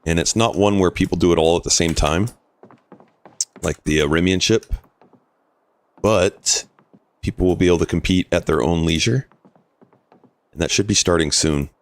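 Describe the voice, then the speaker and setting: A man's voice: low voice, normal speed, pauses often. A man casually commentating his game on a live stream, explaining rules and answering chat.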